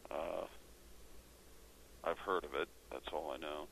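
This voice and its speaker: A man putting on a low, mumbling worker who gives short, evasive answers. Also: slow, gravelly, exaggerated voice, low-quality recording. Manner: flat, mumbled short replies.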